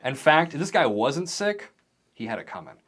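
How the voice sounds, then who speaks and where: A man running a tabletop game as game master, narrating the scenes in a vivid, animated way. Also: a little high, moderate pace.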